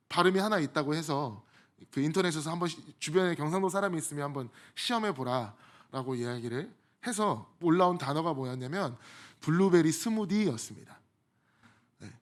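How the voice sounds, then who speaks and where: High-voiced male pastor preaching. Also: fairly bright tone. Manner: conversational, with humorous personal asides. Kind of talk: sermon.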